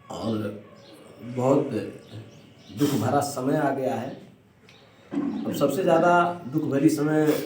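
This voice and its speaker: In a casual vlog, a man speaks to his viewers while consoling someone, repeating himself as he goes. His voice is medium-pitched and warm. The recording sounds echoey and distant, with faint noise.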